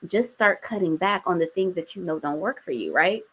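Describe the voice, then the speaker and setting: A woman's voice: lowish voice, lively intonation, normal speed, a bit bright, slight background noise. A woman in her forties, a guest talking casually and outspokenly, with slang and some swearing. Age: 40s. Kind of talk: casual interview chat.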